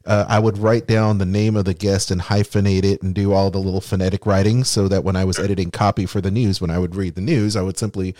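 Male podcast host, lower pitch, dry close sound, relaxed friendly hosting. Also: fast, hardly any pauses, no room sound. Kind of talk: casual interview hosting.

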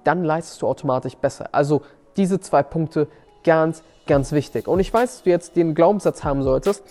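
Emphatic German motivational podcaster. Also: male voice, on the high side, normal speed, warm tone. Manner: emphatic, repeats key words, frequent restarts. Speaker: podcast host and seminar coach.

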